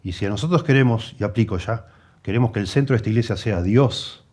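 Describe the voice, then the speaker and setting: A man with a Rioplatense Spanish accent preaching an expository sermon, teaching his congregation with rhetorical questions and emphatic repetition, often dropping to quiet asides. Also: on the low side, fast. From Argentina.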